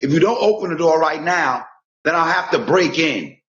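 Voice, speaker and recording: Man reading a pushy small-town deputy, high-pitched, table read; echoey, dull lo-fi recording. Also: animated, normal speed, a bit bright. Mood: stern. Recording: echoey room, dull lo-fi sound.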